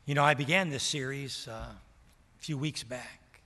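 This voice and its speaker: Older preacher in a reverberant hall. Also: male voice, medium pitch, normal speed. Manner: impassioned storytelling, swinging from loud to hushed. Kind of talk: sermon. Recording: long reverb of a large hall.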